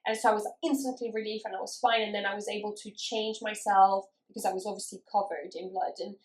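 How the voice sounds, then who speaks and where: A woman in her twenties telling a story in a casual chat, lively and acting out the voices of people she quotes. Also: mid-range voice, fast talker. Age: 20s. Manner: animated, acts out quoted voices. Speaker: podcast co-host. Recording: echoey room.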